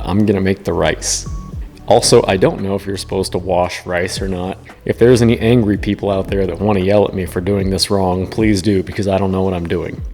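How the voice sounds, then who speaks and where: Giggly drunk man, low-voiced, in a reverberant room. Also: darkish tone. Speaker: host of a drunk cooking video. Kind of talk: casual cooking vlog chat. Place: indoors in a kitchen. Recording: reverberant room, music behind.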